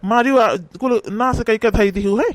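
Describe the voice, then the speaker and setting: A man's voice: very high-pitched, moderate pace, no echo. A man with an Awadhi accent, voicing an older village husband who scolds his wife sternly in a cartoon. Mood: reproachful. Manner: stern, reproachful rural scolding. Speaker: cartoon voice actor.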